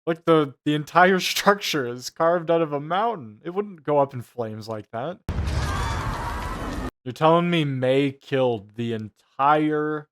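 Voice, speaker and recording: A man's voice: fairly high pitch, noisy background. A man giving a casual, mocking reaction commentary, profane and incredulous in his delivery. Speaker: reaction show host.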